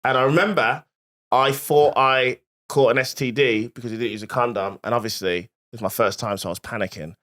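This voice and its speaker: A man's voice: mid-range voice, a little fast, a bit bright. A man in his thirties, a comedian co-hosting a podcast, telling self-mocking stories with frequent laughter. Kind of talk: casual chat.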